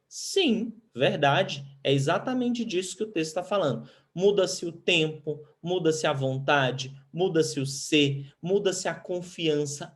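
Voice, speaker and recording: A Brazilian man teaching a Portuguese grammar lesson, who asks questions and answers them himself, and reads poem lines slowly while counting syllables. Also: on the high side. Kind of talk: recorded online grammar lesson.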